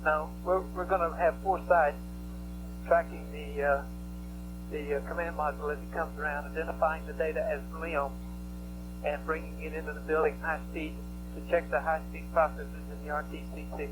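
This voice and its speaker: A man working as a network controller, giving halting, matter-of-fact technical reports over a headset radio loop. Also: a little high, level tone, heavy background noise. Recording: humming 1960s mission control radio loop.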